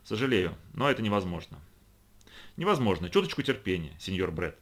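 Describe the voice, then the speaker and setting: Мужчина играет невозмутимого продавца. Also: male voice, low-pitched, brisk. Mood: calm evasive. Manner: calm, evasive. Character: cool, indifferent male salesman-inventor.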